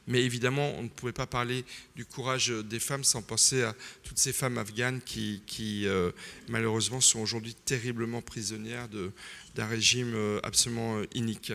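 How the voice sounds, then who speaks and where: A man's voice: medium pitch, flat delivery, vocal fry, pushed and bright. A man moderating a panel and introducing speakers, hesitant, with fillers. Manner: hesitant, with fillers and quick agreements. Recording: echoey hall.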